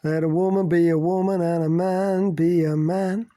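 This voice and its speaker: A man's voice: sits high, little pitch movement, normal speed, warm tone, dry recording, studio quality, voice pushed up, natural voice. A man voicing Bindi, a teasing woman singing out in an exaggerated American drawl, in an audiobook. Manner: sing-song, teasing.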